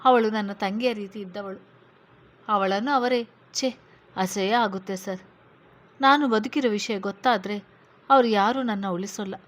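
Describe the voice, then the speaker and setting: A woman's voice: mid-range voice, close to an everyday voice. A woman voicing a grieving young orphaned woman who pleads tearfully with an officer, calling him sir.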